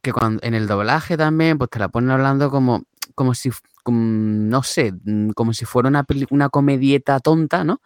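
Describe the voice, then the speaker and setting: A man with a Spain Spanish accent, casually discussing films and pausing to restart phrases as he searches for words. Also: mid-range voice, smooth, dry recording, studio quality.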